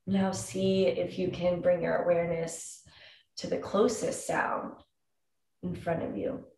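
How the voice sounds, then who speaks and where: A woman in her thirties leads a calm grounding meditation, giving soothing instructions with long pauses between phrases. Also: on the low side, creaky. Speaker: meditation guide. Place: indoor room with wooden floor and plank wall. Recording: roomy echo, distant microphone.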